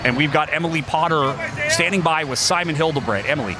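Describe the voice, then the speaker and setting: A man doing play-by-play commentary on a basketball broadcast, summing up the game in a brisk, upbeat way. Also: fairly high pitch, heavy background noise.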